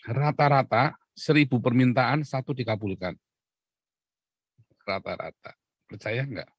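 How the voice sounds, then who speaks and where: A man's voice: medium pitch, takes it slowly, dry recording. Chatty preacher man, dry close sound. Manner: chatty, keeps asking the listeners questions; often clears his throat and chuckles. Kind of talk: conversational devotional sermon.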